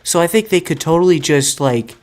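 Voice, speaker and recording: A man's voice: on the high side, lively intonation, fairly quick. A young man co-hosting a podcast, chatting casually and rambling with lots of "like". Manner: rambling, says "like" often. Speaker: podcast co-host. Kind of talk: casual chat.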